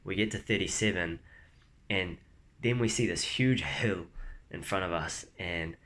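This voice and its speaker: A man's voice: sits low, a little slow, a bit bright. Laid-back young man telling a race story. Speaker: vlogger. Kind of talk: casual storytelling vlog.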